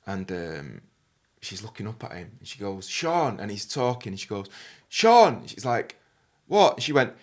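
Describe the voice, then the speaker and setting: A young man serving as guest host tells stories in a casual chat, his voice on the low side at a moderate pace. He's animated, laughs a lot, and fills his speech with fillers.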